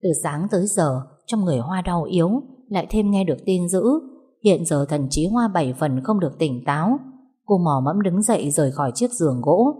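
A woman narrates a novel in an expressive, dramatic storytelling style. Her voice sits low and mellow, with a husky, breathy grain. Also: normal speed.

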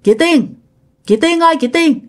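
Eerie ghost of a young man, put on by a woman, high drawn-out calls, Southern Vietnamese accent, ghost story telling. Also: lively intonation. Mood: eerie coaxing. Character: ghost of a young man calling his sister.

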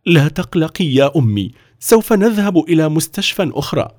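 رجل يؤدي صوت شاب يتوسل بيأس، بصوت عالٍ متوتر ونبرة مرتفعة. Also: male voice, fairly high pitch, sing-song, a little fast, a little mellow, dry recording, studio quality, pitched above the performer's own voice. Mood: pleading. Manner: pleading. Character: young Gandhi, pleading and desperate.

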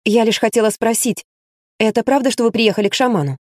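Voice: mid-range voice, fast talker, no echo, studio quality, voice pushed up, lightly acted. Narrator reading as an awkward, impulsive young woman.

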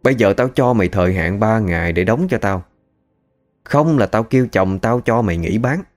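A man's voice: fairly low pitch, lively intonation, normal speed, faint music behind, natural voice. A man voicing a middle-aged, foul-mouthed, greedy female moneylender who curses and scolds harshly. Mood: defiant.

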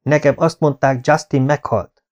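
A man's voice: on the high side, steady tone, a little mellow, voice pushed up, lightly acted. A man voicing a scheming, bitter Saxon lord who talks in a sneering, defiant way, in an audiobook.

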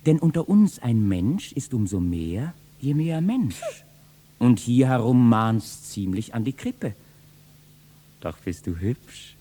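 A man's voice: mid-range voice, slow pace. A cheeky young kitchen boy. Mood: teasing. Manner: lively, mocking, bursts into loud shouting. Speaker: actor in a radio play. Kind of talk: classic stage verse, 1960s radio play.

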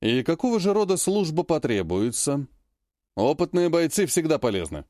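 A man narrating a fantasy audiobook and voicing each character with changes in pitch and pace. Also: very animated, moderate pace, darkish tone, no echo, studio quality. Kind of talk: audiobook reading with character voices.

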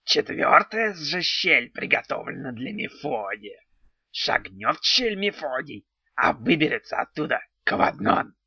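An impish male house spirit from a storybook drawls his words slowly and strangely, always naming himself in the third person, as a man puts him on. His voice is gravelly and dry. The recording sounds dull and lo-fi. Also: a little high, very animated, no room sound, exaggerated voice. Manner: slow, odd, talks of himself in third person. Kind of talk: audiobook character voice.

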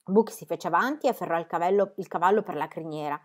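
A woman reading a children's book aloud with lively, expressive narration. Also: on the low side, fast.

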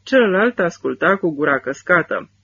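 A man narrating a literary audiobook in a measured storytelling manner. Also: high voice, big pitch swings, bright, forceful tone, husky, dry recording. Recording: dull lo-fi recording.

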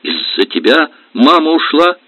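A man voicing a bitter young wife and schoolteacher in a high, strained voice, reading an audiobook. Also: sing-song, unhurried, sharp tone, no echo, full character voice. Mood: reproachful. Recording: dull lo-fi recording.

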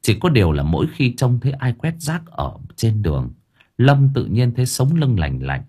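A man narrating a scripted audiobook story in an expressive storytelling manner. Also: medium pitch, normal speed, breathy edge.

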